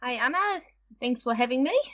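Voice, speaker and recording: A woman from Austria, a horse breeder interviewed as a guest, explaining things in a steady, unhurried way. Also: high-pitched, muffled recording. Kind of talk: casual interview.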